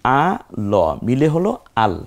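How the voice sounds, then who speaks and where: A man teaching Quran recitation, building words syllable by syllable and repeating each one slowly. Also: mid-range voice, expressive. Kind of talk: step-by-step recitation lesson.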